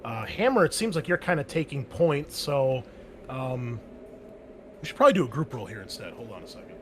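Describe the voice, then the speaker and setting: A man with a mid-range voice runs a tabletop game over a call as game master, with background noise in the recording. His talk is loose and chatty, thick with filler words such as "like" and "um."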